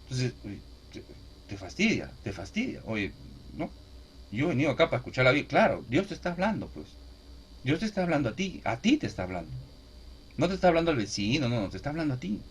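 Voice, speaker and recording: A man's voice: medium pitch, quick pace, long pauses, a little hiss or hum. A man preaching a teaching sermon, often asking his listeners if they follow. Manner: animated, asks listeners "¿no?" and "¿de acuerdo?" often.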